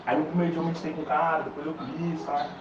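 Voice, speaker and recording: A young man with a Brazilian accent telling a dream story casually, slangy and excitable, laughing as he goes. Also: on the high side, racing. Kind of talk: casual rambling anecdote. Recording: echoey lo-fi phone recording from far off with noise.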